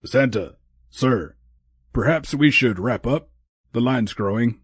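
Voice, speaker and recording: A man voicing a small, brisk, cheerful male elf in an audiobook, with a chirpy, bossy manner. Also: mid-range voice, slightly rough, no echo, pitched above the performer's own voice. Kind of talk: audiobook character voice.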